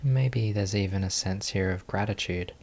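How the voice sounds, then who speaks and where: A deep-voiced man with vocal fry guides a meditation as its teacher. He speaks gently and calmly, never rushing, and leaves long pauses between phrases.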